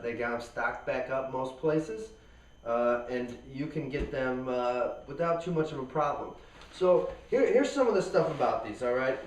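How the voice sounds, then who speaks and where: A man co-hosting a casual outdoor gear review, explaining in a relaxed way with plenty of fillers. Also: medium pitch. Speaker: co-host. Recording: roomy echo, far from mic.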